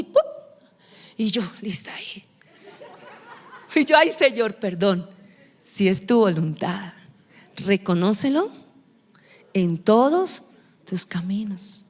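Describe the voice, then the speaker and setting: Brief: Colombian woman pastor, highish voice, animated sermon storytelling, long church reverb. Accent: Colombian Spanish. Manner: lively storytelling preacher, acts out quoted voices. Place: church hall.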